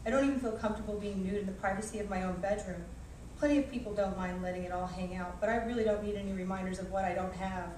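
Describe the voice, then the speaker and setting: A flight attendant reads her humorous personal essay aloud in a wry, self-deprecating way. Her medium-pitched, slightly mellow voice moves quickly with fairly even intonation. The mic is distant in an echoey room, with faint noise.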